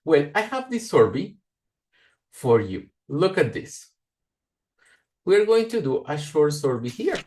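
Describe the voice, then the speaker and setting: A male teacher leads an online English lesson over a video call. He is patient and encouraging, correcting pronunciation gently as he goes. His intonation is very lively, rising and falling freely through every sentence. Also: on the high side, slow, long pauses.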